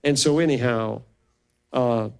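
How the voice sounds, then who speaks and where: An older male pastor delivering a sermon testimony at a middle pitch. He tells his story with animation and slips into the voices of the people he quotes. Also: a little slow, vocal fry, clean tone.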